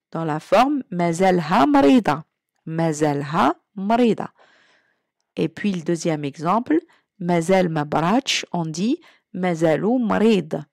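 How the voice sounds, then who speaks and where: A woman's voice: lowish voice, vocal fry, a little mellow, no room sound. Patient female language teacher, dry sound. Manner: patient, repeats each example slowly. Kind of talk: explanatory language lesson.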